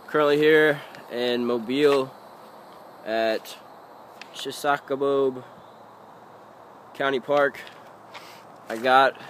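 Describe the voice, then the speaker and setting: Young male vlogger, unhurried and offhand, phone held at arm's length, faint noise behind. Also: medium pitch. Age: young adult. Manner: relaxed, slow and offhand. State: sick. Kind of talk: casual travel vlog. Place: car, campsite and tent.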